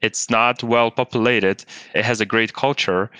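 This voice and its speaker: Bright, crisp-voiced man from Kazakhstan. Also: fairly low pitch, fairly even intonation, unhurried, dry recording. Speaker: founder, guest. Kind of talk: interview answers.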